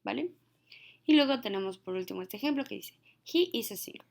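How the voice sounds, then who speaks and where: Woman, gravelly English teacher; slows down for example sentences in a recorded lesson. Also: a little high, lively intonation, a little mellow.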